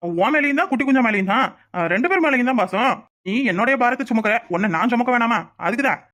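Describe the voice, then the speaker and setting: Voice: mid-range voice, expressive, quick pace, bright, forceful tone. Someone doing a swaggering doting village husband. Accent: southern Tamil (Tirunelveli). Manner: swaggering, playful, protective. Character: boastful doting young village husband, strong laborer. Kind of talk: cartoon voice acting.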